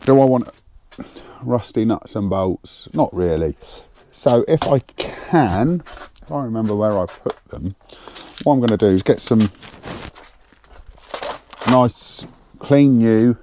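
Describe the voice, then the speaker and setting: A man's voice: lowish voice, animated, takes it slowly, long pauses, warm tone, slight background noise. A man chatting casually while working on an engine in his garage, thinking aloud with lots of fillers, on a clip-on mic. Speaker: home mechanic vlogger. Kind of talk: casual workshop chat. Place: home garage. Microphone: clip-on lapel mic.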